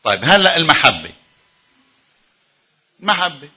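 A man's voice: on the high side, big pitch swings, normal speed, pushed and bright, breathy edge. A male preacher with a Lebanese accent delivering a sermon, putting emphatic rhetorical questions to his congregation. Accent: Lebanese Arabic.

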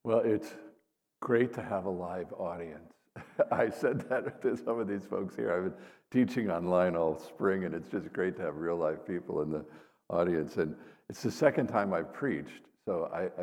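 An older man, a seminary professor, giving an informal, halting talk to a congregation in an echoing church. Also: deep voice, darkish tone. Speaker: seminary professor and missionary pastor. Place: large indoor church space. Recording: reverberant church hall, long echo.

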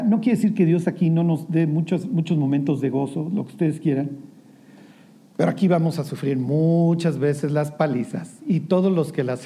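A man with a Mexican Spanish accent preaching in a conversational style, telling a personal story, often clearing his throat and poking fun at himself. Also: high voice, warm tone. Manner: chatty storytelling with throat clearing and self-deprecating humor.

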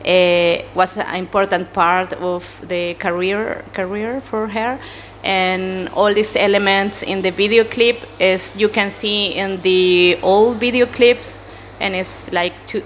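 Female interviewee in her thirties, Chilean Spanish accent, non-native English, slow halting delivery full of fillers, faint background noise. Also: fairly low pitch. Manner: hesitant, searching for English words, many fillers. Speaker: animator, interview guest. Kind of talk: casual interview answers.

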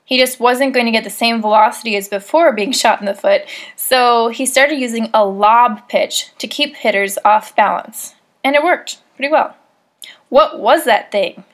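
A woman with a slightly higher voice talks her way through a prepared monologue. She is chatty and wry, and pokes fun at herself as she goes. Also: normal speed, hardly any pauses. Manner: wry, self-deprecating, chatty. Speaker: podcast host. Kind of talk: casual scripted monologue.

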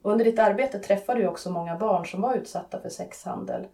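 A woman podcast host introducing guests and asking questions in a measured, earnest way. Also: medium pitch, mellow, far from the mic.

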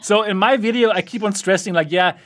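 A man's voice: high voice, fast talker, a bit bright. A man hosting a casual tech podcast chat, often laughing as he talks. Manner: laughs often while talking. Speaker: host of a VR channel.

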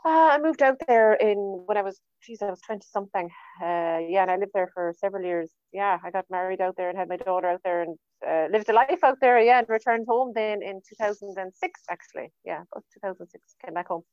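Middle-aged woman, West of Ireland accent, casual rambling chat, slightly low pitch, dull dry call audio. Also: fast, hardly any pauses, a little mellow, clear, resonant tone, dry recording. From County Galway, Ireland. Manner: chatty, rambling with repeated words. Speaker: guest singer on a podcast. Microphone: remote phone or computer call.

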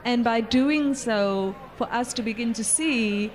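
A woman's voice: on the high side, measured pace. A woman moderating a panel, reflecting aloud in a thoughtful, searching way. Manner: thoughtful, with many fillers and restarts.

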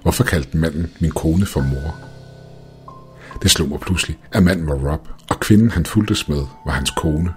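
A man reads a first-person ghost story in a calm, measured way. His voice sits extremely low, and quiet music runs underneath. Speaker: narrator. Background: faint music.

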